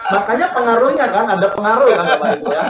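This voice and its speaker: Animated pastor teaching, echoey room. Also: male voice, high-pitched, fast, highs cut off, crowd noise. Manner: animated, joking, acts out example phrases. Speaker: pastor, guest speaker. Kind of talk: teaching talk on family life.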